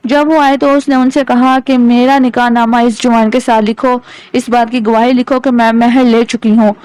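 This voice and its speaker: High, smooth female storyteller. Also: dry recording, poor audio. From Pakistan. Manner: steady, measured reading. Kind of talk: audiobook story narration.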